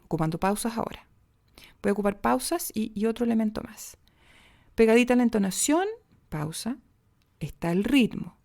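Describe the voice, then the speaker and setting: In a podcast lesson, a Chilean diction coach speaking Chilean Spanish demonstrates pauses and tempo shifts, swinging her pitch and pace for each example. Her voice is dark and mellow, with a gravelly edge.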